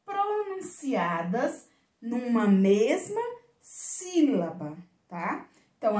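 A Brazilian Portuguese woman teaching young children on video, her voice a little high and swinging widely in pitch. She draws out her words slowly and with sing-song emphasis. The room echoes around her. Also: a little mellow. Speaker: primary school teacher.

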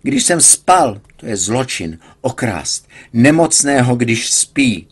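A man's voice: mid-range voice, sing-song, slightly rough, voice pushed up. A man doing a frantic, whiny patient. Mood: frantic, indignant. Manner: pleading, indignant outbursts. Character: agitated male patient engineer, frantic and whiny.

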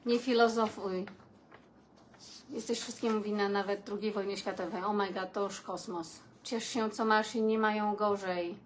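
A woman's voice: medium pitch, fairly even intonation, normal speed. A woman hosts a casual live stream and talks straight to her viewers. She reads their comments aloud and reacts to them in a chatty way. A faint background noise sits under her voice. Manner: chatty, addresses viewers warmly as "kochani", reacts with laughter and sighs.

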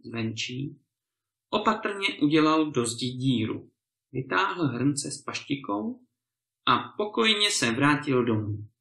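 A man reading a fairy tale aloud in a lively, expressive storytelling manner, switching voices for the characters. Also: mid-range voice, gravelly. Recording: echoey room.

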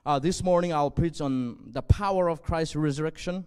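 A man in his forties, a native Zomi speaker, preaching on a church stage into a handheld mic. His voice sits a little high for a man, and he speaks in an earnest, measured way with frequent pauses. A long reverb trails each phrase through the hall. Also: a little mellow, clean tone. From northwest Burma. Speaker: pastor. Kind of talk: sermon.

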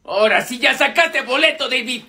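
A young man with a Mexican accent acting out school comedy skits in an exaggerated, animated way, with an artificially high-pitched voice. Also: moderate pace, vocal fry. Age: young adult. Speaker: comedy skit creator playing all characters. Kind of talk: acted school comedy skit storytime.

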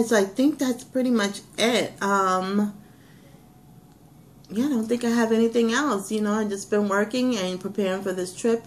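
A woman's voice: medium pitch, a little hiss or hum. A woman, chatting casually as a vlog host. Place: indoors, plain small room at home. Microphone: webcam microphone at arm's length.

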